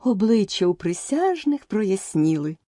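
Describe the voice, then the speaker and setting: A woman narrating a storybook audiobook in an expressive, lively way. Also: medium pitch, unhurried, dry recording, clean studio sound.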